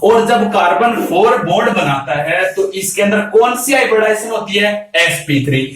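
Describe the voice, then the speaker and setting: High-voiced male teacher in an echoey room. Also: expressive, moderate pace, a bit bright. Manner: keeps asking rhetorical questions and answering them himself; calls students "beta". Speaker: chemistry teacher. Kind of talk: classroom lecture. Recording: very echoey room, mic far off.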